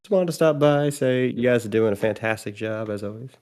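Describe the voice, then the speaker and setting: A man's voice: lowish voice, fairly quick, darkish tone. A man dropping by a stream over a voice call, wry and rambling. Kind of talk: casual stream chat.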